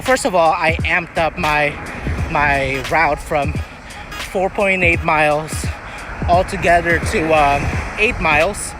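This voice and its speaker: A man chatting casually as a vlogger, giving earnest, encouraging advice and rambling as he searches for words. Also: on the high side. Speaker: vlogger answering viewer questions.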